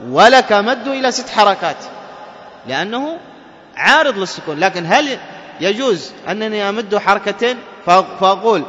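A Quran recitation teacher speaks in a high, pushed, bright voice, posing questions to his class, answering them himself, and chanting example words. The recording sounds muffled, with the reverb of a large hall.

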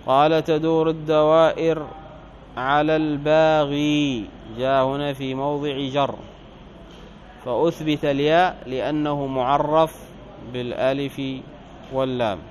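A man teaching Arabic grammar, explaining a text line by line. He reads the quoted passages louder, slows down on examples and corrects his own slips. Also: on the high side, steady tone, rough recording. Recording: faint background noise.

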